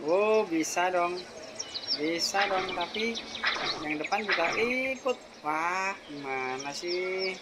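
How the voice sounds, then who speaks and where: Gaming host, casual gameplay commentary, excitable, exclaims and laughs, slow easygoing delivery, loud background noise, birds chirping. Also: medium pitch.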